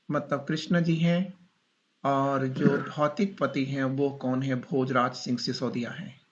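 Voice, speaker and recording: A man teaches a class, speaking slowly and repeating each point so students can write it down. His voice sits a little on the high side. The recording is dull and lo-fi. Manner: slow, repetitive dictation with questions to students. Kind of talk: classroom lecture.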